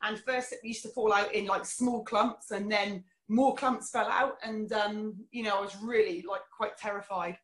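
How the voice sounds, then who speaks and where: A woman's voice: medium pitch, steady tone, moderate pace, few pauses, a bit bright. A middle-aged woman from England, candidly telling her life story as an interview guest, with many fillers. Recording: roomy echo.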